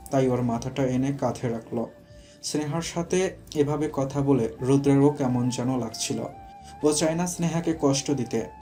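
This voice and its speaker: A man narrating a romantic audio story in a steady storytelling manner. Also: medium pitch.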